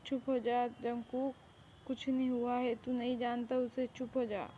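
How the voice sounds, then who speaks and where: A woman's voice: on the high side, level tone, unhurried, natural voice. A woman voicing a harsh young male mafia boss who gives orders in a commanding, scolding way, in a fan audio drama. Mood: troubled. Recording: tinny phone-like recording, faint hiss.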